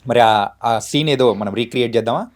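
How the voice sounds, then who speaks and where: A man's voice: mid-range voice, fairly quick, very noisy. A man interviewing child actors in a casual, playful and encouraging way, mixing in English words.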